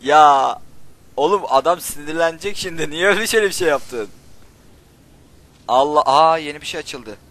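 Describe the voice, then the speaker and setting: A young man hosts a gaming channel, chatting casually over his play. He jokes, swears and bursts out excitedly at the screen, his voice sitting a little high. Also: a little fast. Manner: excitable, joking, swears and banters at the game. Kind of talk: casual let's play commentary.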